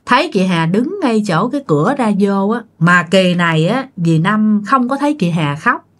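A woman's voice: medium pitch, lively intonation, moderate pace. A woman narrating a ghost story in a chatty way, talking straight to her listeners. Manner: chatty, addresses listeners directly.

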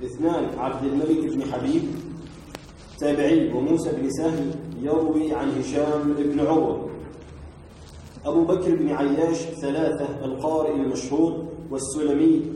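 A man reads a classical text aloud for his teacher, moving steadily through names and lists. His voice sits slightly high but sounds dark and mellow. The room is heavily reverberant, with faint noise underneath. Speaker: student reading the text aloud. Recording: very echoey hall with faint noise.

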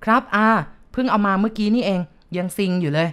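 A woman's voice: medium pitch, animated, fast, a bit bright, close to an everyday voice. A woman voicing a cheerful young man who brags eagerly about his new motorbike. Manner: eager, bragging. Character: young male motorbike fan, cheerful and boastful.

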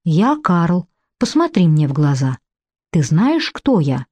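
A tender, grieving man pleading softly with someone he loves, read by a woman narrator. The tone is low, warm and dry, with no room around it. It is an audiobook reading. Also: big pitch swings, takes it slowly, breathy edge, dry recording, heavily acted. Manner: gentle, pleading.

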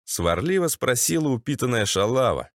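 A man's voice: mid-range voice, very animated, normal speed, no room sound, studio quality. A man narrating a gritty first-person audiobook in a tense, sardonic manner.

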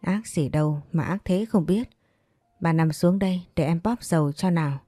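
Lady reading a loyal old nanny, soft soothing talk, warm low voice, dry sound. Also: moderate pace, no room sound, soft background music, lightly acted. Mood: tender. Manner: soothing, gentle.

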